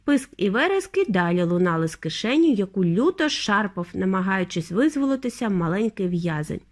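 Expressive woman reading a children's story. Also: medium pitch, brisk. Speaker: narrator.

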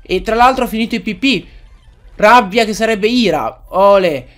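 A young man giving casual commentary while playing a game, excitable and quick to yell and swear at it. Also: high-pitched. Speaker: gaming let's-player.

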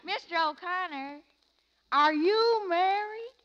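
Very high-voiced Daisy June, country gal. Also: female voice, slow pace, fairly bright tone, muffled recording, exaggerated voice. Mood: flirty, coy. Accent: American. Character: flirty, folksy country gal at filling station. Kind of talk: 1940s radio comedy acting. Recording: noisy old radio comedy recording.

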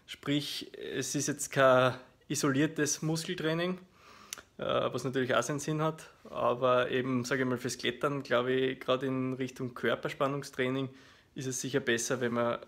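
A man in his thirties with an Austrian German accent casually explains his workout to camera, in a hesitant, explanatory way with frequent filler pauses. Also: medium pitch, steady tone, fairly bright tone. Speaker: fitness vlogger. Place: small living room at home, indoors. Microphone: phone at arm's length.

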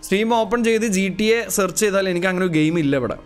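A man's voice: high-pitched, quick pace, clean tone, faint music behind. A man from Kerala on a casual live stream, chatting and answering viewers as bro over a calibrated streaming mic. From Kerala, India. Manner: chatty, greets viewers and answers chat, calls them bro.

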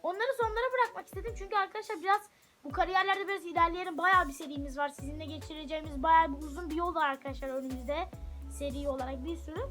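A woman casually commentating her soccer video game at home, chatting to viewers and shouting at her players when the action heats up. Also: very high voice, fast talker, soft background music. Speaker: gaming channel host. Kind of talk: live gameplay commentary. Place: room at home.

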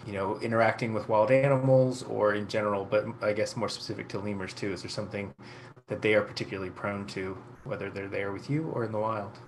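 Guy in his 30s hosting online q&a, chatty, lowish voice, bit of noise on the call. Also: fairly even intonation, quick pace. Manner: chatty, encouraging, hedging asides. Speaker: host moderating audience questions. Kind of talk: casual virtual event hosting. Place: indoors at home, on a video call. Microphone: wireless earbuds. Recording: light background noise on video call.

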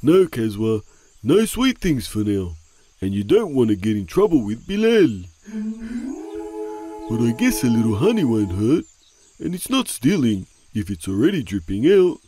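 A husky, sweet-loving cartoon friend. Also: male voice, mid-range voice, very animated, a little slow, dark tone, no room sound. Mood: tempted. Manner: chatty, easily tempted, talks to himself. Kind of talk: animated children's cartoon acting. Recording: light background music.

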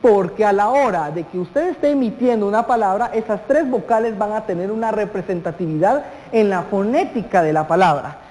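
A teacher leads a televised lesson, turning to the students with questions and drawing out the words that matter. The voice sits at a mid pitch. It rings with a long reverb, as if recorded in a large hall. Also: lively intonation, a little fast, few pauses, a little mellow. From Guatemala. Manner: addresses students directly, asks questions, stretches key words.

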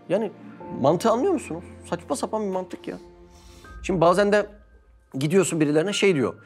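A man giving an animated religious sermon talk, full of rhetorical questions and exclamations. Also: high-pitched.

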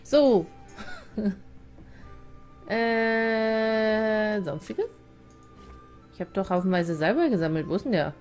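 A woman's voice: medium pitch, slow, pauses often, darkish tone. A German woman chatting playfully over her gameplay, talking to the characters, with game music behind. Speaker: let's play host. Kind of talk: casual gameplay commentary.

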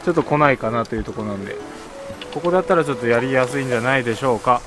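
A man's voice: medium pitch, racing, music in the background. A man chatting casually as the host of an outdoor fishing video. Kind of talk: casual chat. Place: outdoors on a windy concrete breakwater at night.

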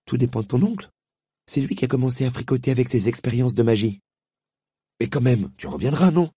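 A man's voice: mid-range voice, animated, a little fast, dark tone, slightly rough, no room sound, clean studio sound, voice pushed up. Anxious young boy, pleading and defensive, played by a male reader. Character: anxious young boy, worried for his mother.

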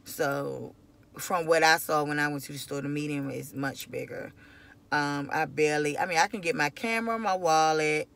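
A woman talks casually to her viewers from the seat of a car, recorded on a phone held at arm's length. Her voice has a gravelly, creaky edge. She rambles loosely and circles back over her points. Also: sits low, normal speed, a bit bright. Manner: loose, rambling, repeats herself. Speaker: vlogger. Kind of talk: casual chat to camera. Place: inside a parked car at night. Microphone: phone camera at arm's length.

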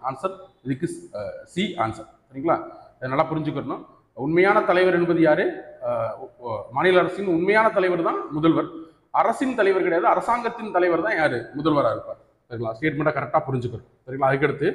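A man with a Tamil accent teaching an exam coaching class, who keeps asking his students "right?" and mixes English terms into his speech. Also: on the high side. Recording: echoey hall recording.

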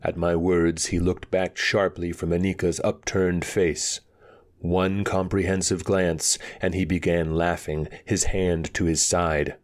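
A male storyteller reads a dark fantasy tale in steady, measured narration. His voice is very deep, and he takes his time over each line. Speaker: audiobook reader.

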